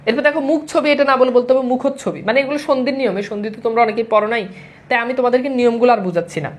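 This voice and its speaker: A woman's voice: on the high side, very fast. A woman from Bangladesh teaching grammar to exam students, drilling the wrong and right forms over and over and dropping in English words. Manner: mixes English words into speech. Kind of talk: classroom-style lecture to exam students.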